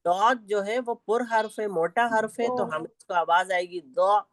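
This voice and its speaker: Woman teacher drilling recitation sounds online, slow and patient, very dry close sound. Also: mid-range voice, no room sound. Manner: patient, repeats sounds slowly for students to copy. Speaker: Tajweed teacher. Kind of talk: online Quran recitation lesson. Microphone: online class audio.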